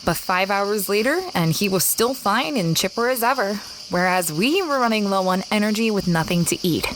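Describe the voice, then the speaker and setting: A woman voices an adventurous young explorer narrating a strange expedition in a first-person audio drama, wry and reflective, and fretting over her dog. Her medium-pitched, natural voice is expressive at normal speed. The rough recording has slight background noise and clear jungle-insect ambience.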